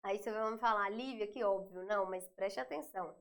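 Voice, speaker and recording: A woman's voice: medium pitch, a little fast, fairly bright tone. A Brazilian woman teaching a Portuguese exam review, explaining patiently and checking in often with her students.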